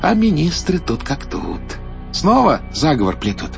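A man's voice: fairly high pitch, huge pitch swings, a little slow, gravelly, dull audio, faint music behind, pitched above the performer's own voice, full character voice. Man playing a sly singsong court jester.

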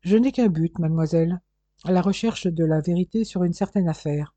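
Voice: mid-range voice, moderate pace, mellow, no echo, close to an everyday voice. A reader voicing a persistent male police inspector, insistent and coolly formal in an audiobook. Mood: firm. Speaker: detective questioning a household.

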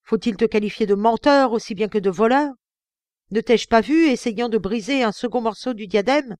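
A woman voicing an outraged middle-aged male banker who shouts accusations at his son, in an audiobook. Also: mid-range voice, moderate pace, dry recording, close to an everyday voice. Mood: furious.

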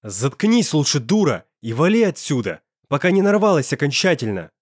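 A man's voice: medium pitch, sing-song, moderate pace, no room sound, studio quality. A man playing an angry young male student who talks in a coarse, slangy, threatening way. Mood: scornful.

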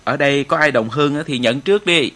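A man's voice: mid-range voice, a little slow, a bit bright, close to an everyday voice. A man voicing a proud male relay station chief who speaks formally with small hesitations. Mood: teasing.

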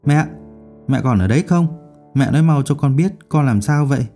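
A man's voice: mid-range voice, expressive, moderate pace, dark tone, soft background music, lightly acted. A man voicing a young female student in a storybook, hot-tempered and lovesick, with sudden outbursts and pleading.

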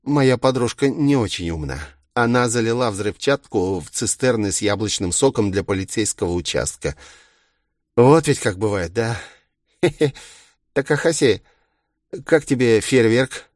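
A man's voice: fairly low pitch, animated, measured pace, no echo, studio quality. A man voicing a gleeful, mocking murderous villain in a taunting, singsong manner. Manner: taunting, singsong, cruelly playful.

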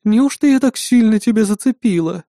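A lustful serpent-woman naga from an audiobook, played by a man, purring and teasing her captive. Her voice is pitched up and mellow, with a dry, close sound. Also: animated, moderate pace, dry recording. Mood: sultry. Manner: sultry, teasing. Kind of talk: audiobook narration.

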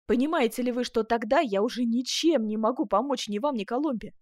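A woman's voice: medium pitch, moderate pace, a little mellow, no room sound, close to an everyday voice. A woman voicing a passionate noble duchess with a melodious, pleading voice, in a dry close recording. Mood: alarmed.

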